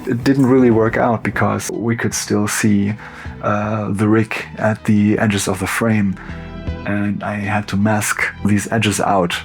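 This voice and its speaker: A cinematographer with a German accent talking through a film breakdown in a relaxed, loose way, full of "like" and "you know". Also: male voice, on the low side, slow, gravelly, soft background music. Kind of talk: casual behind-the-scenes commentary.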